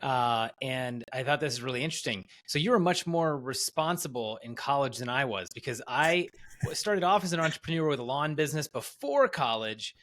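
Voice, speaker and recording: A man hosting a casual podcast interview in a middle-pitched voice. He talks with eager enthusiasm and often restarts his sentences as he rambles toward his questions. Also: lively intonation, fairly quick, fairly bright tone. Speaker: podcast host and coach.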